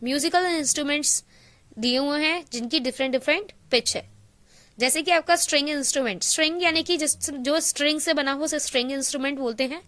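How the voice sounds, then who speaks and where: Her voice high and fairly bright, a woman runs an online science lesson in Hindi mixed with English terms. She asks her own questions, answers them, and reads out definitions at a slow pace.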